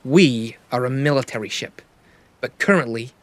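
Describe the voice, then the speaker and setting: A man's voice: mid-range voice, moderate pace, fairly bright tone, dry recording, close to an everyday voice. A man playing a stern, proud male ship captain who answers in a clipped, defensive way.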